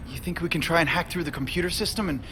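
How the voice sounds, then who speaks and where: A man's voice: a little high, rapid-fire, a little hiss or hum. A young man with an American accent, acting as a devoted, wry young superhero in a video game cutscene. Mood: relieved, wry. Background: loud music.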